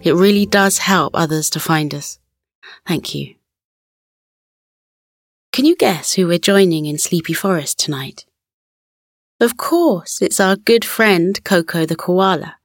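A woman narrating a children's sleep story in a gentle, soothing, unhurried way, as the host of a scripted bedtime podcast. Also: lowish voice, dry recording, clean studio sound, faint music behind. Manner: soothing, gentle, unhurried guided-relaxation delivery.

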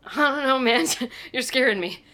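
A woman's voice: high-pitched, normal speed, pushed and bright. Brief: woman doing a mumbling, easily scared delivery worker in improv. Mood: offhand. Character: offhand, flustered female delivery worker. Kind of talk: improvised comedy scene.

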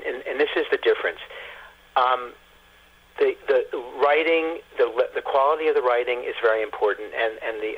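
A man phones in as an interview guest, explaining things in a conversational way and frequently repeating words. His pitch is medium with a breathy edge, and the line sounds muffled and narrow.

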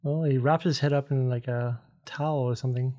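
A man's voice: mid-range voice, fairly even intonation, fairly quick, mellow. A man casually reacting to skate clips with friends in sweary frat-bro slang.

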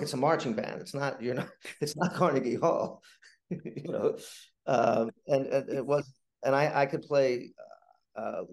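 An older man with a medium-pitched, gravelly voice tells casual anecdotes as a podcast guest. He is self-deprecating, halting and repeats his words.

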